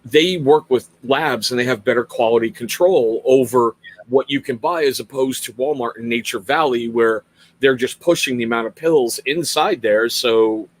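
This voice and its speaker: A man's voice: medium pitch, normal speed, dry recording. A man hosting a casual livestream interview, upbeat and reading out viewer questions from the chat. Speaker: host.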